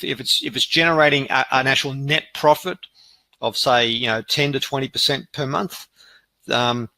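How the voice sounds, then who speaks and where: A man gives an informal online sales webinar in a very bright, forceful voice. The sound is dry and close. He explains step by step, haltingly, often correcting himself. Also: mid-range voice, no echo, low-quality recording. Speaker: webinar presenter.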